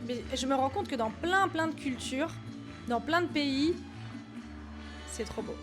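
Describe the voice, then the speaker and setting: Woman vlogger gushing over dance clips, high voice, lots of euh and fillers, bit of music underneath. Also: a little slow. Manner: chatty, exclamatory, full of fillers. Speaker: dance video host. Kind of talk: casual reaction vlog.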